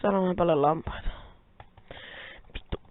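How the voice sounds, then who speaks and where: A let's player giving casual gameplay commentary, rambling to themself and the viewers and swearing often as they grumble at the game. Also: mid-range voice. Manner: rambling, self-talking, addresses viewers. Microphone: quiet mic held close. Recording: tinny phone-like mic, dry.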